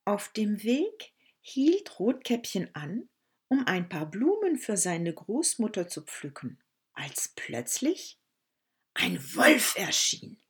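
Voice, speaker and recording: A woman reading a children's fairy tale aloud, slow and expressive. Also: mid-range voice, slightly rough. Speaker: storyteller.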